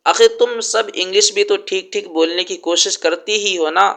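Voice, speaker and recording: A man's voice: high-pitched, vocal fry, pushed and bright, exaggerated voice. A man voicing a strict correcting aunt. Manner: stern, corrective, drawn-out emphasis on sounds. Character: strict aunt fussing over correct pronunciation.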